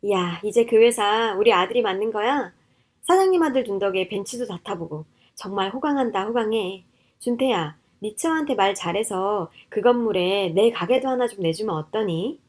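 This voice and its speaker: A woman's voice: mid-range voice, lively intonation, moderate pace, natural voice. A woman voicing a greedy, scheming older mother-in-law who talks down coaxingly, in a narrated storybook-style radio story. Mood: gloating. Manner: coaxing, condescending.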